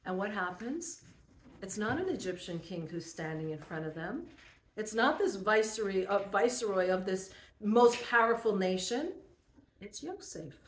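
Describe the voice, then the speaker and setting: A woman gives a Torah class to a small group, telling stories with earnest energy. Her mid-pitched voice echoes through a roomy space. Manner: earnest, animated storytelling to a group. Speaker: Torah teacher. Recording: roomy echo.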